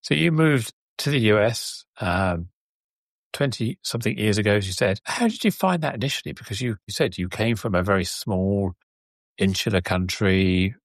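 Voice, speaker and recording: Male interview host with a low, gravelly voice, gracious and chatty, recorded dry and close. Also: animated, normal speed, no room sound. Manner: gracious, chatty, thinks aloud. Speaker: podcast host. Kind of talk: conversational interview hosting.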